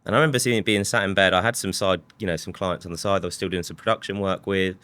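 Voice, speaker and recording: Deep, bright-toned man reflecting. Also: steady tone, quick pace, clean tone. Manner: reflective storytelling with many restarts. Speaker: guest, software company co-founder. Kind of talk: casual conversational interview.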